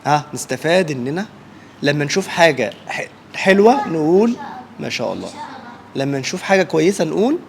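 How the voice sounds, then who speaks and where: A woman's voice: sits low, very animated, a little fast, vocal fry. A woman with an Egyptian accent teaching a class of children in call-and-response, asking questions and repeating their answers back.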